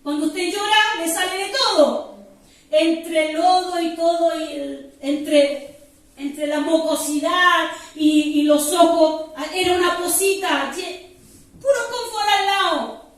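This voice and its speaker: A woman's voice: very high voice, slow. A woman giving a fervent testimony sermon at a home church service, often calling her listeners "brother". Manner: fervent, repeatedly addresses listeners as "hermano". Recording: echoey room, voice from far off.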